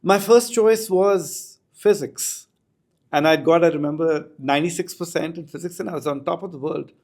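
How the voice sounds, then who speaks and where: A middle-aged man speaks with an Indian accent in a somewhat high-pitched voice. He is an articulate, reflective storyteller, sharing anecdotes as a podcast guest. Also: normal speed, darkish tone. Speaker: podcast guest, school educator. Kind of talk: anecdotal interview talk.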